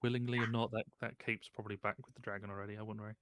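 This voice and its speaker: A man talks through his turn in a tabletop game in a plain, matter-of-fact way, counting his dice out loud. His voice is bright and crisp. It sounds dry and close, with no room around it. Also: on the low side, flat delivery, racing, dry recording. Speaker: tabletop player. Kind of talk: casual tabletop game chat.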